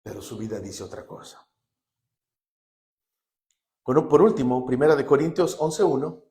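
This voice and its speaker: Brief: male pastor, animated rising-falling preaching, roomy church hall echo. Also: mid-range voice, normal speed. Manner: call-and-response preaching, emphatic. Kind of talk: Bible-study sermon.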